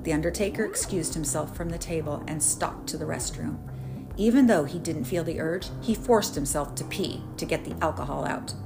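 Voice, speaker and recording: A woman's voice: low voice, moderate pace, gravelly, music in the background. A woman hosting a podcast, narrating a story in a wry, dramatic manner. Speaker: podcast host.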